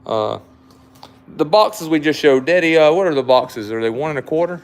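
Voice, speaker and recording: This Southern-accented knife shop owner from South Mississippi hosts a casual livestream, rambling and repeating words as he reads out viewer comments. His pitch is fairly high, his intonation lively, and his pace moderate.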